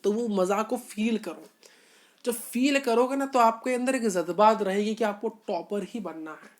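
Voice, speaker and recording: A male online tutor giving a motivational study-advice talk to school students. He talks informally and repeats himself, often calling his viewers "bhai sahab", and swings between loud stresses and quiet asides. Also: high-pitched, unhurried. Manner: earnest and repetitive, often saying "bhai sahab".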